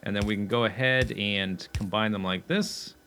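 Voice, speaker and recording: A man's voice: fairly low pitch, normal speed, sharp tone, faint music behind. Man musing aloud over a factory game. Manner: thinking aloud, chatty, with fillers and self-corrections. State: hiccuping. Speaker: gameplay commentator. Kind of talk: casual let's play commentary.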